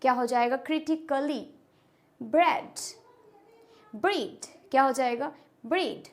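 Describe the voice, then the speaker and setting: A woman's voice: high-pitched, slow. A young woman, an English trainer teaching pronunciation. She asks questions and answers them herself, repeating each word. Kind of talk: spoken English lesson.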